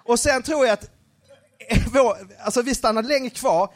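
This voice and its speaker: A young man telling a funny story on a live podcast, laughing often and using many filler words. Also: very high voice.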